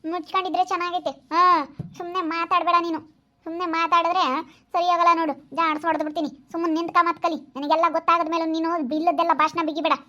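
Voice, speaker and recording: A woman's voice: extremely high pitch, little pitch movement, quick pace, pushed and bright, dull audio. A woman playing a jealous village wife who scolds and threatens in a skit. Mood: scolding. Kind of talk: skit acting.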